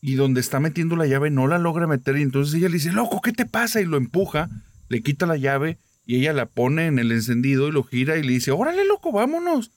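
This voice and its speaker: A man's voice: mid-range voice, brisk, dry recording. A man casually retelling a listener's ghost story on a podcast. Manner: casual, lively retelling with many quoted voices.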